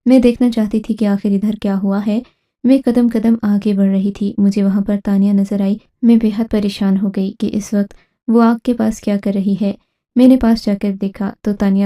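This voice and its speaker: A woman narrating a dramatic family story in the first person, in a steady, scripted storytelling manner. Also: medium pitch.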